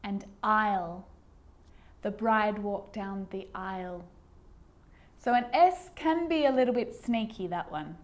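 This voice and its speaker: A woman teaching English pronunciation who says each example word twice, slowly and clearly. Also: mid-range voice, expressive, a little mellow. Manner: models words twice, clearly and deliberately. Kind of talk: slow instructional explanation.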